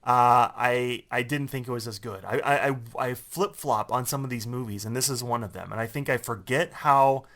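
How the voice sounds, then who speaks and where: A man's voice: medium pitch, moderate pace, few pauses, a bit bright. A man co-hosting a podcast, chatting casually about films, often rambling and correcting himself. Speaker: podcast co-host. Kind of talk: casual film discussion.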